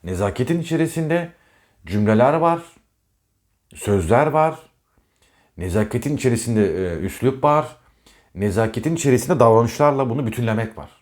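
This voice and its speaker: A man's voice: mid-range voice, lively intonation, moderate pace, pauses often, darkish tone. A man who works as an astrologer, talking in a casual monologue about zodiac signs. He speaks emphatically, repeats himself and scolds the listener directly.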